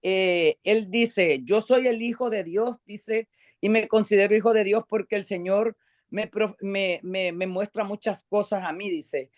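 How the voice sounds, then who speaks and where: A woman joins a class over a video call to ask a question. She speaks hesitantly, with many fillers, at a middle pitch. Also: fairly even intonation, unhurried, darkish tone. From United States. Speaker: student.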